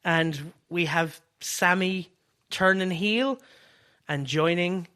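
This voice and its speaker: A man's voice: high voice, slow pace, pushed and bright. A man co-hosting a casual podcast, rambling through wrestling ideas and acting out the wrestlers' lines. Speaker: podcast co-host. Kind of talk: casual wrestling fantasy booking chat.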